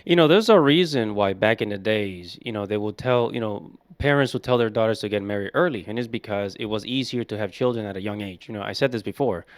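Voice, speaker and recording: A man's voice: fairly low pitch, a little fast, hardly any pauses, no room sound. A man in his thirties giving casual, opinionated commentary, repeating his points with emphasis. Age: 30s. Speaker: commentator reacting to clips.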